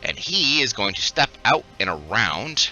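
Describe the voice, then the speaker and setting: A man's voice: lowish voice, big pitch swings, unhurried, bright, forceful tone, faint music behind, rough recording. A man playing a tabletop game, casually narrating moves in a playfully dramatic way.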